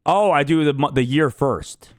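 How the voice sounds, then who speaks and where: A man streaming live, reacting out loud and swearing freely as he thinks aloud. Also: on the high side, moderate pace. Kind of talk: casual live-stream commentary.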